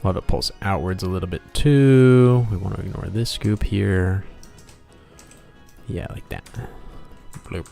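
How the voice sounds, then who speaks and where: Over background music, a game developer and artist chats casually on a livestream as he draws, rambling to his audience and muttering to himself. His voice sits low and is mellow and creaky, unhurried, with long pauses.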